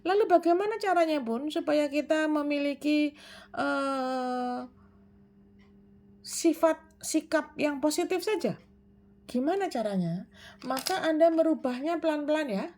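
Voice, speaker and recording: A woman giving a self-improvement talk, explaining in a measured way, posing questions and answering them herself, with frequent hesitation fillers. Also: high voice, darkish tone.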